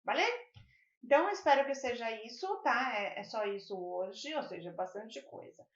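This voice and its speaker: A woman's voice: fairly high pitch, expressive, moderate pace. Spanish-native woman teaching, echoey room. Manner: patient, explanatory, checks in with "vale?" and "né?". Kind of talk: online video lesson. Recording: echoey room, slightly dull sound.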